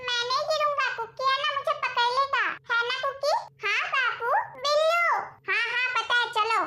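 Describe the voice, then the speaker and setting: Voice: very high-pitched, normal speed. A performer voicing a whole cast of squabbling comic family members in an amateur voice dub, teasing and whining at each other. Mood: bickering. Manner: bickering, teasing and whiny. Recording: roomy home recording, loud hiss.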